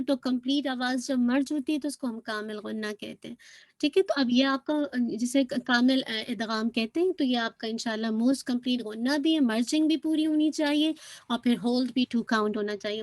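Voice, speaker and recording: A woman teaching Quran recitation rules in a patient lesson, often checking in with the learner and slowly modelling each sound. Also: high-pitched, no room sound.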